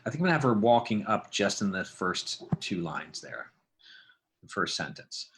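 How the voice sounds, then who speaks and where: A sound design instructor narrates a casual screen tutorial, explaining and thinking aloud. His lowish voice is very animated at a moderate pace, and the background is noisy.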